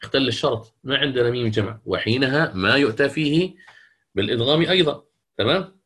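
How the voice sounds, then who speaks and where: A middle-aged man teaching the rules of Quran recitation, explaining patiently, reciting words slowly and checking that students follow. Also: mid-range voice, expressive, fairly bright tone, breathy edge. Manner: closes with a long supplication. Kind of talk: lecture on Quranic reading rules.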